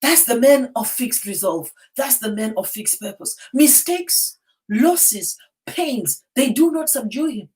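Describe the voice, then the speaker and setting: A woman's voice: on the high side, lively intonation, a little slow, a little mellow, distant mic. A woman giving a rousing motivational sermon in an emphatic, rallying manner, repeating phrases for effect. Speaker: motivational preacher addressing a live online audience.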